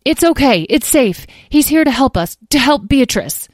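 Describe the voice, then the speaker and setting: A woman reading a storybook, voicing an earnest young boy who rushes to reassure everyone. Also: mid-range voice, expressive, a little mellow, no echo, studio quality, natural voice. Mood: reassuring. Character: eager young boy, unicorn-loving.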